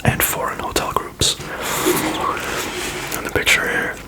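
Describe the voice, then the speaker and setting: Male ASMR reader. Sustained breathy whisper throughout, informal, reading text aloud with offhand comments. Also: a little slow, rough recording.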